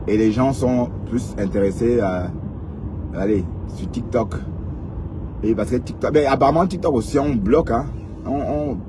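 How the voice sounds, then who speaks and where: A man chatting casually to live-stream viewers, teasing and joking, repeating words and tagging his lines with little asides. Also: fairly low pitch. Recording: outdoor mic with loud street noise. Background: passing cars and street noise.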